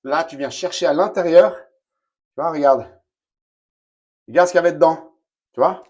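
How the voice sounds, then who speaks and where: A man chats through a hands-on bathroom repair in a bright, fairly high voice. He talks bluntly and casually, with plenty of slang, addressing the viewer like a friend. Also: normal speed. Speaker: DIY home repair vlogger. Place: home bathroom.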